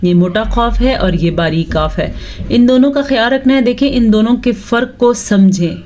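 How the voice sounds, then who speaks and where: A woman teaching Quran pronunciation, reciting words slowly and breaking them into syllables with patient explanation. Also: on the high side, lively intonation, a little mellow, a little hiss or hum. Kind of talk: slow tajweed lesson with recitation.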